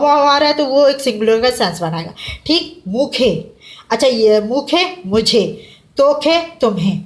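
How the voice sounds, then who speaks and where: Woman teacher, a touch high-pitched, patient and slow with her students. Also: fairly bright tone. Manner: patient, addresses students as "beta", slows to spell out words. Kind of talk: classroom lesson.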